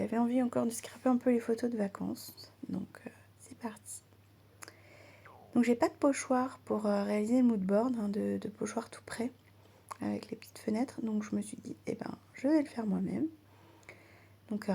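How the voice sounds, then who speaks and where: A woman hosting her own crafting channel, chatting casually in a voice-over as she works, often slipping into a soft half-whisper. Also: fairly high pitch, gravelly, breathy edge.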